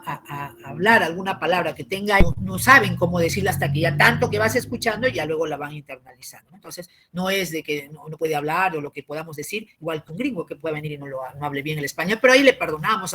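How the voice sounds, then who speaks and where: A man, giving a civics lesson as a teacher. He explains patiently, often tags his points with a question and clears his throat. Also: high-pitched, sharp tone, slight background noise.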